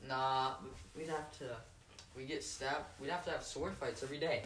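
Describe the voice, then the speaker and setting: A man's voice: medium pitch, fairly even intonation, moderate pace, recorded from a distance. Joking young man in an echoey room. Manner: jokey, rambling storyteller with loud put-on voices. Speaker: podcast co-host. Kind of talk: casual chat among friends.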